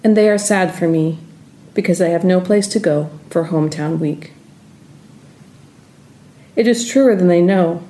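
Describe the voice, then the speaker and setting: A woman reading her own personal essay in a calm, reflective manner. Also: lowish voice, unhurried, pauses often. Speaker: writer reading her story.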